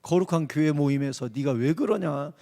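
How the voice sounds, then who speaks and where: A man's voice: fairly high pitch, moderate pace, vocal fry, warm tone. A middle-aged man preaching at a revival meeting. He preaches emphatically and dramatically and acts out the voices he quotes. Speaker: pastor. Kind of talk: revival sermon. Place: church sanctuary. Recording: reverberant church hall.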